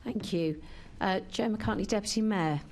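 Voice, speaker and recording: A woman chairs a council committee in its chamber, her voice sitting at an ordinary middle pitch. She works through formal procedure in a measured way. Now and then she hesitates and restarts a sentence. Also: a little mellow, a little hiss or hum.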